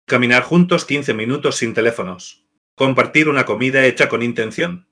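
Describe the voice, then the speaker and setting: Man, bright forceful voice, scripted devotional narration, measured list-like reading. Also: medium pitch.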